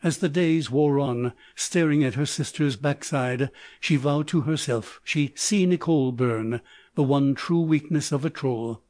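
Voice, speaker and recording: A man's synthetic text-to-speech voice reading scripted audiobook narration in an even, measured way. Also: fairly high pitch, dry recording, studio quality.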